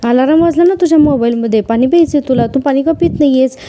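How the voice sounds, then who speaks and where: A woman's voice: sits high, fast, noisy background, natural voice. A woman putting on the voice of a fussy, flustered young husband while retelling a serial, pleading and placating.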